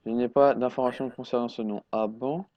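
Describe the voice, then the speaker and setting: Guy streaming a game live, jokey and sarcastic, mid-pitched voice, reads stuff out. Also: steady tone, a little fast, lo-fi sound, slight background noise. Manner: joking, sarcastic, reads game text aloud. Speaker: gaming streamer. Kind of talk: live gameplay commentary.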